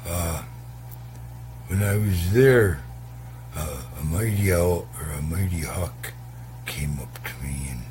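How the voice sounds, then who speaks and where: A man's voice: deep voice, slow pace, long pauses, darkish tone, slight background noise. A man telling a rambling comic tall tale in character, full of hesitations and crude asides.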